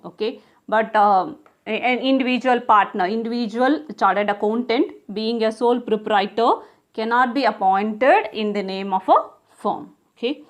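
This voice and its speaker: Higher-voiced Indian woman lecturing formally. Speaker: assistant professor giving a lecture. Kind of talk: formal lecture, reading out legal provisions.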